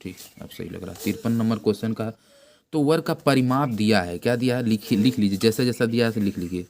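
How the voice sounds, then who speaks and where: A man's voice: lowish voice, gravelly, a little mellow. Man teaching math, quizzing his pupil. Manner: repeats terms and quizzes the pupil with quick questions; plain conversational delivery with frequent restarts. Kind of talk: informal classroom lesson.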